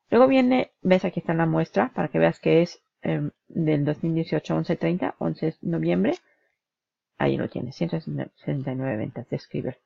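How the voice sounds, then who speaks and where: A woman with a very gravelly, low voice walks the viewer through a software review, chatty and full of fillers. The recording is dull and lo-fi, with a dry, close sound and no room around it. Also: no room sound. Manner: conversational, talks the viewer through a comparison table, frequent fillers. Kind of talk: screen-share product walkthrough.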